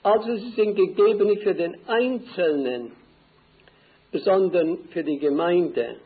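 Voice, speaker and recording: An older man preaching a sermon slowly and deliberately, repeating key phrases for emphasis. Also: sits high. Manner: slow, deliberate, emphatic repetition. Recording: tinny phone-like old recording.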